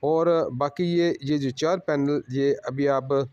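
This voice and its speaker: A man's voice: a little high, steady tone, darkish tone, clear, resonant tone, lo-fi sound. Man explaining a solar install on site. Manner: plain, unhurried explaining to viewers. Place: at a house during installation work.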